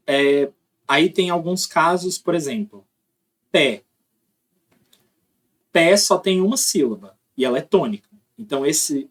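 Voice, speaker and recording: Male teacher explaining step by step. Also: on the high side. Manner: explains step by step, often checks with "tá?". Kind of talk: recorded classroom lesson.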